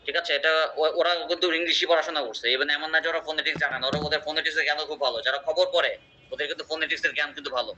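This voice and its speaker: A man's voice: fairly high pitch, steady tone, rapid-fire, sharp tone, a little hiss or hum. A man teaching an English class, explaining with examples and quizzing his students. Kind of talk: online class lecture. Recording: muffled lo-fi audio.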